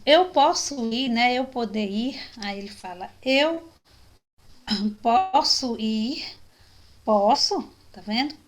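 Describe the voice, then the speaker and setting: A woman's voice: fairly high pitch, animated, slow, long pauses. A woman from teaching an online sign language class over a video call, explaining patiently and often ending phrases with a questioning tag. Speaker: sign language course instructor.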